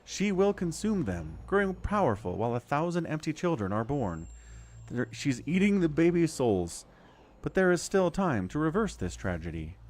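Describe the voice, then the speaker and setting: A man's voice: a little high, sing-song, moderate pace, darkish tone, voice pushed up. A man voicing a grave goddess from game text, reading her words aloud in a lofty, solemn way. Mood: urgent, solemn. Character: grave goddess speaking through birds, read aloud.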